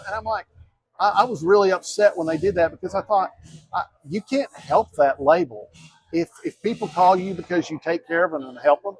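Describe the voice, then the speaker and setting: Heard on a rough recording, a man in his fifties running for mayor talks earnestly in a high voice in a casual interview. He wanders, restarts often and keeps adding quoted asides.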